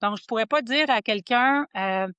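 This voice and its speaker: A woman from Quebec with a Quebec French accent, co-hosting a podcast in casual chat, often restarting and trailing off into quieter asides. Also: on the high side, moderate pace, clean tone, no room sound, lo-fi sound. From Quebec, Estrie region. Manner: chatty, many restarts, drops to quiet asides. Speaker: podcast co-host. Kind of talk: casual conversation.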